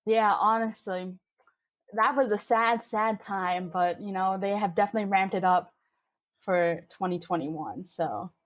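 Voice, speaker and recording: An unhurried, medium-pitched voice belongs to a Hong Kong woman in her twenties who is guesting on a podcast. She talks eagerly through the relaxed interview, with frequent fillers.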